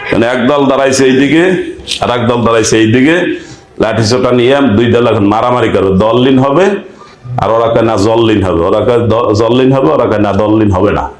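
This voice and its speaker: Preacher man in echoey hall. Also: mid-range voice. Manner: rhetorical questions to the audience, acts out village dialogue. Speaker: preacher giving Quran commentary. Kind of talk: sermon.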